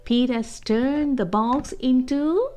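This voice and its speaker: Against a noisy background, a woman with a high-sitting voice reads a children's storybook aloud as host. Her delivery is expressive and careful, with explanations and questions for the kids.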